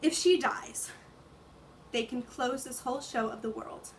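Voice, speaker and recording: A woman's voice: high-pitched, unhurried, slight background noise. A young woman performing a male monologue as a grieving, lovestruck man, in a mounting, impassioned delivery. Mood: passionate. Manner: building intensity, listing things. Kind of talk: dramatic monologue recitation.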